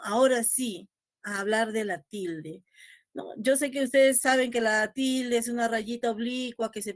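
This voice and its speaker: A woman's voice: on the high side, dry recording, clean studio sound. A woman teaching an online class, patiently repeating key points and ending phrases with a questioning tag. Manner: checks in constantly with a rising tag question.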